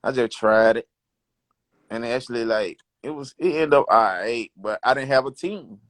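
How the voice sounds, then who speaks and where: A man in his thirties speaks with an Alabama Southern accent in a dry, close recording. He is relaxed and slangy, giving short, casual answers in an interview. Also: medium pitch, normal speed, no echo. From Alabama, United States. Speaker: DJ and rapper, interview guest. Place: small wood-panelled room indoors. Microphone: phone at close range, video call.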